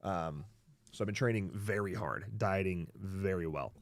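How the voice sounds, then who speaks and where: A man's voice: low voice, normal speed, no room sound. A man in his thirties chatting casually as a co-host on a live stream. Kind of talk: casual chat.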